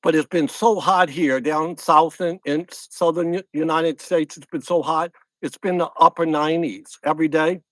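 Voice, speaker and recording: A middle-aged man with a Louisiana accent chats loosely through a phone livestream from a lakeside camp at night. His voice sits fairly high for a man, and the sound is dry and close. He rambles, repeats his lines and greets viewers one by one. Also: fairly even intonation, moderate pace, hardly any pauses, a bit bright, no echo. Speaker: fishing channel host. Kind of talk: casual livestream chat.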